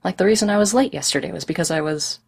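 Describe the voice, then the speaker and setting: A woman's voice: fairly low pitch, quick pace, vocal fry, breathy edge. A woman voicing a brash, impatient young woman who jokes and pleads eagerly. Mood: impatient pleading. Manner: loud, eager, wheedling.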